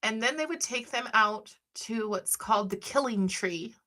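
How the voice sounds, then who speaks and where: A woman hosting a conversational interview, who drops in quick affirming words while her guest talks. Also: on the high side, expressive, sharp tone. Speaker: podcast host.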